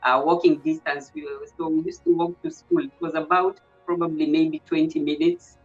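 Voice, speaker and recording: A woman from Kenya in her thirties, a pageant contestant answering interview questions with many pauses and fillers. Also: lowish voice, expressive, vocal fry, muffled recording, faint music behind. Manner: hesitant, many fillers and restarts.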